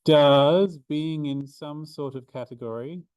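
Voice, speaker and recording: A man's voice: a little high, slow, darkish tone, smooth, no room sound. Chatty man tutoring a statistics class. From Australia. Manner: chatty, many ums and restarts. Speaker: maths tutor. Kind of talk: revision seminar lecture. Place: university classroom.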